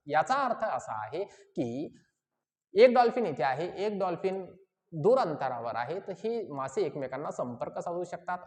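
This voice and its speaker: A woman teaches children from a reading passage and explains each point slowly. She keeps asking her pupils questions and then answers them herself, and her voice rises and falls a great deal. A long hall reverb trails behind her words. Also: on the low side. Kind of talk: exam-prep lesson for children.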